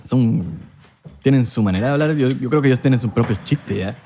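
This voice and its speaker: A man's voice: medium pitch, fairly quick, mellow, a little hiss or hum. Joking Venezuelan man chatting. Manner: joking, slangy banter. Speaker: podcast co-host. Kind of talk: casual chat.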